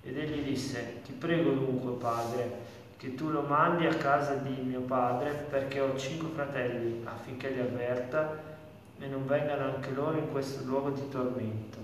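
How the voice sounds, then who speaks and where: A man reading scripture aloud in a slow, measured way. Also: medium pitch, fairly even intonation, a little hiss or hum. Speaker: scripture reader. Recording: distant mic in an echoey hall.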